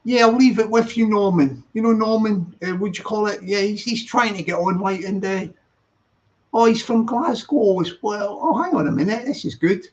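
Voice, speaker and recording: A high-voiced man speaking at normal speed chats casually on a live stream, reading out viewers' comments and replying in a rambling, repetitive way. The audio is dull, lo-fi stream sound.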